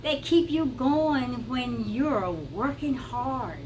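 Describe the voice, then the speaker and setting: This wellness vlogger's voice is high with lively intonation, and she speaks extremely slowly. She has a Brazilian accent and talks to viewers in a casual, emphatic teaching manner, repeating words for emphasis, over noticeable background noise.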